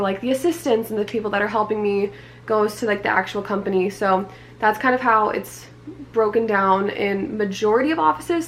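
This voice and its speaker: A young woman chatting casually in a home vlog, her hoarse voice cutting in and out, rambling with lots of fillers. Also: medium pitch, fairly bright tone, slight background noise, low-quality recording. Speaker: vlogger.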